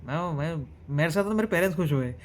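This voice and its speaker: Young man from Gujarat, casual vlog storyteller, animated, a little high-voiced. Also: fast talker, slight background noise. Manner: animated, mixes Hindi and English, mimics others. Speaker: vlogger.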